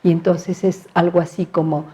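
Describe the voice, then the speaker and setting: A woman's voice: flat delivery, moderate pace, warm tone, lo-fi sound. A woman giving a philosophy lecture at a university seminar, talking in a conversational way and often checking in with her audience. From Mexico. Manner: acts out examples in a high playful voice.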